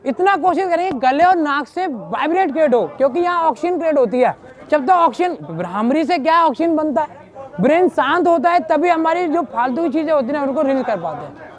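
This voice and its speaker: A man's voice: very high voice, animated, a little fast, some chatter behind. A man leading a yoga class in a public park, coaxing and repetitive, speaking straight to the participants. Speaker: yoga trainer. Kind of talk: instructing an outdoor yoga class.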